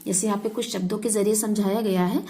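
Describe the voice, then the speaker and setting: A woman's voice: medium pitch, fairly even intonation, quick pace, warm tone. A woman teacher patiently explaining a grammar lesson to children, repeating each point in simpler words.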